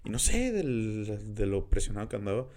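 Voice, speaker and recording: A man's voice: fairly low pitch, big pitch swings, normal speed, darkish tone, slight background noise. A young man with a northern Mexican accent chatting casually and telling personal stories as a podcast host, with plenty of slang and swearing. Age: young adult. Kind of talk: casual chat with personal storytelling.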